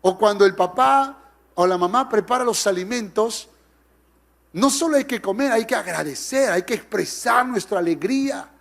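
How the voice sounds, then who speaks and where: A man's voice: sits high, lively intonation, normal speed, creaky, fairly bright tone. A middle-aged male pastor preaching a sermon, asking the congregation questions and acting out the voices he quotes. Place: church.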